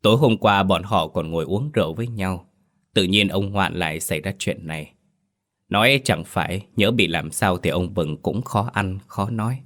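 A man narrating a scripted horror story in a slow, ominous storytelling manner. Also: deep voice, fairly bright tone.

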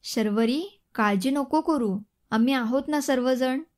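A woman's voice: high voice, a little slow. A woman voicing a kind mother-in-law comforting a crying young woman. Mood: soothing. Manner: soothing.

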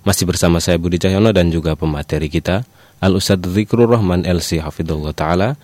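A man's voice: extremely low pitch, darkish tone, dry recording. A man presenting a programme as an AM radio host.

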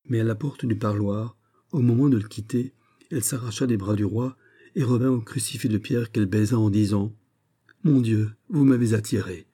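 A man reading a classic novel aloud in a measured, dramatic way, with a husky voice. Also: on the low side, fairly even intonation, mellow. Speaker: audiobook narrator.

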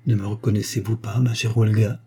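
A man reading the part of a gentle young woman who speaks softly and tenderly. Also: lowish voice, level tone, brisk, husky. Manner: soft and tender.

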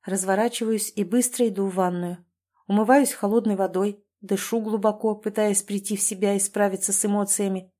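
Female audiobook narrator, steady reading, mid pitch. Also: a little fast. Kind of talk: first-person audiobook narration.

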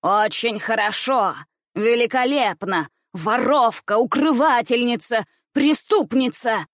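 A woman voicing a furious, shrill middle-aged governess who screeches accusations, in a dry recording. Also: takes it slowly, no echo. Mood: shrieking.

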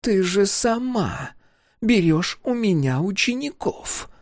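A man voicing a proud older woman scientist who speaks haltingly. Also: fairly low pitch, expressive, darkish tone, dry recording, clean studio sound, voice pushed up. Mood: defensive. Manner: halting, hesitant, apologetic.

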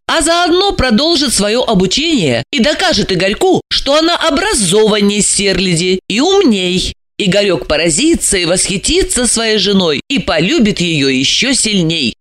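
Expressive woman audiobook narrator. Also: mid-range voice, normal speed, no room sound. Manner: expressive, lively storytelling. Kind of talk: scripted narration.

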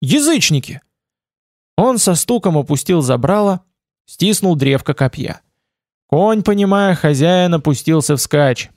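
Man narrating with a gravelly voice. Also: fairly high pitch, animated, a little slow, darkish tone, no room sound, clean studio sound. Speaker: audiobook narrator. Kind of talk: scripted narration.

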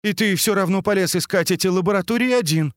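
A man's voice: high voice, fast talker, no room sound, studio quality, voice pushed up, close to an everyday voice. A man voicing a fiery young woman fighter who scolds her companion in an audiobook. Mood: angry.

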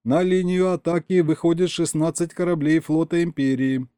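A man voicing a cyborg male crewman who reports briskly to the captain. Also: fairly high pitch, mellow, smooth, dry recording, clean studio sound, pitched above the performer's own voice, close to an everyday voice. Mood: urgent.

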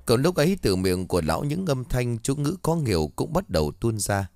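A man narrating a horror story in a measured, dramatic scripted way. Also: medium pitch, very animated, gravelly, a little mellow, no echo.

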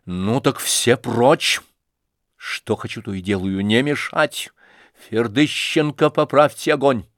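A man's voice: mid-range voice, takes it slowly, no room sound. A man reads a proud, reckless young woman in a storybook telling, imperious and mocking. Her voice sits in a middle register and snaps into commands. The recording is dry, with no room sound. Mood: commanding. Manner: imperious, mocking, flaring into shouts. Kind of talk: audiobook character reading.

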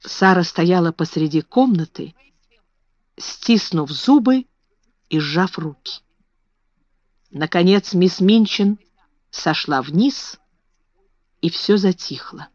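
A woman narrating a children's novel in a measured reading voice, in a dull lo-fi recording. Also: lowish voice, animated, a little mellow, no room sound. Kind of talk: scripted audiobook narration.

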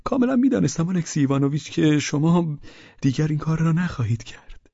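Man putting on a shrill drunk fawning man. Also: lively intonation, creaky, dark tone, slightly rough, no echo, dull audio, heavily acted. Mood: pleading. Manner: shrill, whining, pleading. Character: drunk, fawning, frightened middle-aged man.

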